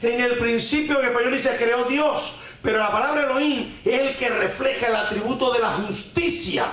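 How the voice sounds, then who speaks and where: In a very echoey room, a man with a fairly high, somewhat bright voice gives a sermon on the Torah portion of the week at a moderate pace. His style relies on rhetorical questions and emphatic repetition, peppered with Hebrew vocabulary and folk sayings.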